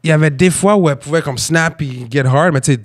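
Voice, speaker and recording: A man's voice: fairly high pitch, fast talker. A man with a Quebec French accent, a podcast guest chatting casually, mixing French and English slang. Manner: mixes French and English slang, lively impressions. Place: podcast studio.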